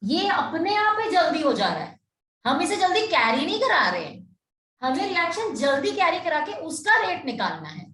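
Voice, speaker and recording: High-pitched woman tutor, chemistry class, hindi-english mix, keeps asking "clear?", roomy echo, mic far off. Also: very animated, normal speed, a bit bright, slight background noise. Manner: mixes Hindi and English, keeps checking if students follow. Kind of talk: classroom lecture. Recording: echoey room, mic at a distance.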